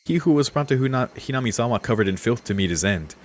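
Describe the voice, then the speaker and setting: This game streamer has a medium-pitched, expressive voice and speaks fast. His casual let's-play talk mixes reading text aloud with laid-back commentary.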